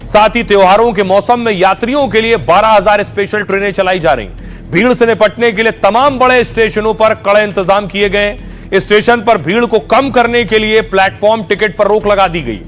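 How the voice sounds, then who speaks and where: High-voiced male news anchor. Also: normal speed, a bit bright, faint music behind. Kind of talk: news voice-over narration.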